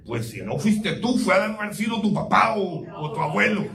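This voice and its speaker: A preacher doing a quarrelsome bully lion. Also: male voice, high voice, big pitch swings, normal speed, a bit bright, roomy sound, pitched above the performer's own voice, full character voice. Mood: accusing. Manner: gruff, picking a fight. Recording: distant mic, faint room noise.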